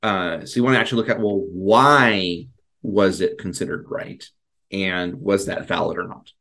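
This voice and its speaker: A man's voice: low-pitched, fairly even intonation, moderate pace, fairly bright tone. A man co-hosting a casual history discussion, talking in a rambling way with many fillers and restarts. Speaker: podcast co-host.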